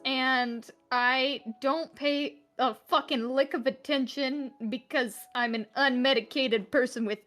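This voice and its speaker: A woman chatting casually as a tabletop game player, bubbly and self-mocking, quick to laugh. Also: high-pitched, pushed and bright. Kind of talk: casual chat between game sessions.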